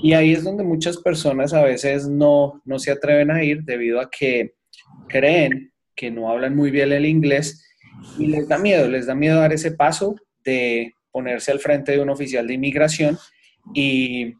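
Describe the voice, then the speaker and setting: A man's voice: fairly high pitch, unhurried. A man with a Colombian accent, an accountant presenting an earnest seminar talk on a video call. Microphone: webcam on a video call.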